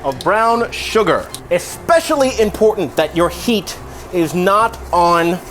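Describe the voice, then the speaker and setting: A man's voice: high voice, lively intonation, slow pace, fairly bright tone, faint music behind. A tipsy man hosting a casual cooking tutorial in a loose, jokey way, with mock-formal wording and wry asides. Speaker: cooking video host. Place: home kitchen. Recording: sizzling pan and kitchen noise. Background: frying sizzle.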